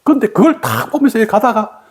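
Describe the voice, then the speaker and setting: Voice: medium pitch, fast talker. A middle-aged meditation teacher giving a dharma talk to students, telling stories animatedly and often stopping to ask the listeners a rhetorical question. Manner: animated storyteller, keeps asking rhetorical questions.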